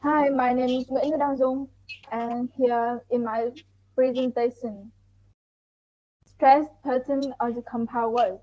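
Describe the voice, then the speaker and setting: A woman student introducing her presentation in slow, broken phrases. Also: on the high side, steady tone, warm tone, no echo. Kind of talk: class presentation. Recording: muffled, dull recording.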